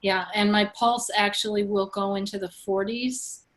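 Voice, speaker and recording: A woman speaks on a video call in a candid, earnest way. Her voice has an ordinary middle pitch. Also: steady tone, moderate pace. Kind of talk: casual video call discussion.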